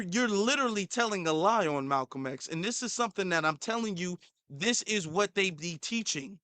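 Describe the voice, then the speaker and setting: A man's voice: sits high, sharp tone, dry recording. A man hosting a commentary channel, reacting to a clip in a heated, repetitive way, sometimes stumbling over his words.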